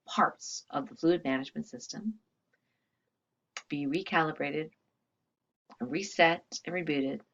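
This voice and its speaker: Casting: woman with a low voice, energy healing teacher, conversational guide, slightly lo-fi audio. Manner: conversational, with frequent asides and check-ins. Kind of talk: casual talk and guided healing session.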